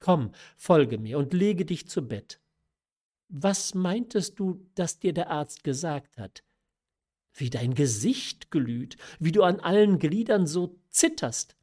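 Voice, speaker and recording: A man's voice: a little high, animated, takes it slowly, dark tone, voice pushed up. A man reading aloud who voices a stern, reproachful aristocratic mother in a classic story. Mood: agitated. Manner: reproachful, agitated. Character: stern aristocratic mother, middle-aged woman. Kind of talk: audiobook reading of a classic novella.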